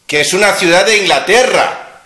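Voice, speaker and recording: Blunt male host, bright echoey voice. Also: high voice, normal speed. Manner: blunt, scornful, rhetorical questions. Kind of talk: casual chat. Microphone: video call.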